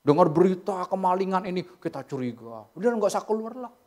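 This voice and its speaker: A lively preacher in a church, moving between plain teaching and jokey, chatty remarks to the congregation. The pitch sits in an everyday middle range, and the delivery stays informal and animated. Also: brisk. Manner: animated, humorous, acts out quoted speakers; casual colloquial asides to the congregation. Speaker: pastor. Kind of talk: sermon.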